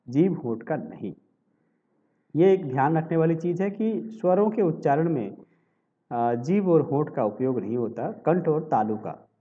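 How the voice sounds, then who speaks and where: A man teaching a Hindi grammar lesson for exam preparation, explaining step by step and often pausing to check in with his students. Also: on the high side, phone-quality sound. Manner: explanatory, checks in with repeated tag questions.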